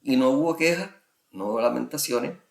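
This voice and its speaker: Male preacher, gravelly mid voice, conversational sermon, roomy echo. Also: mid-range voice, normal speed. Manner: conversational, asks "¿Ok?" often.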